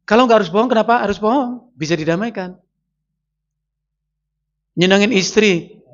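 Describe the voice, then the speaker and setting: A man's voice: high voice, moderate pace. A male preacher giving an Islamic study lecture in a mosque, talking straight to the women listening and acting out little everyday scenes. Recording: dull lo-fi sound.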